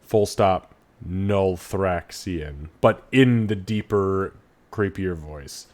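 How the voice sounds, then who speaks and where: A man's voice: low-pitched, slow pace, a little mellow. A man acting as game master, casually narrating and refereeing a tabletop role-playing game.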